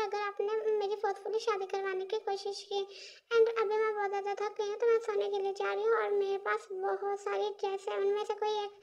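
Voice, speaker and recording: A woman's voice: very high voice, lo-fi sound. A woman voicing an irritated young woman who stubbornly refuses an arranged marriage.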